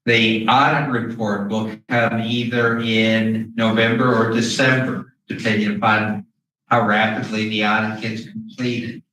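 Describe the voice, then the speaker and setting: A man speaking through a face mask, explaining things haltingly as an official at a public meeting, with pauses and throat clearing. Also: on the low side, level tone, bright, forceful tone. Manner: hesitant, with long pauses and frequent throat clearing. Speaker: school district official presenting to a board. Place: indoor meeting room. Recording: very echoey room, distant mic, faint noise.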